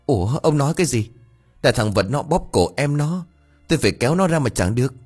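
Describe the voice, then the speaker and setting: A man's voice: on the low side, expressive, brisk, slightly rough, soft background music. A man voicing a frightened middle-aged village mother who stammers and pleads in panic. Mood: panicked.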